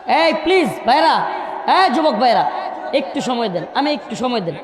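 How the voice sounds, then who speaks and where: High-voiced preacher scolding a noisy crowd. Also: male voice, sing-song. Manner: pleading and scolding the crowd to keep quiet; slow chanted scripture recitation. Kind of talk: sermon at a crowded religious gathering. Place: crowded stage at a large outdoor gathering. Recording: echoing reverb over a murmuring crowd.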